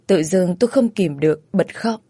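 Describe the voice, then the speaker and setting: A woman reading a first-person romance story aloud in a steady, plain storytelling manner. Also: lowish voice, normal speed, slightly rough, no echo, clean studio sound. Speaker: story narrator.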